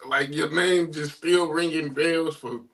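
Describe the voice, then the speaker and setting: Man on a podcast, raspy, sharp kinda tone, stumbles over words. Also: on the high side, steady tone. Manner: halting, repeats words. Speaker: podcast co-host. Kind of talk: casual chat. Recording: farther from the mic.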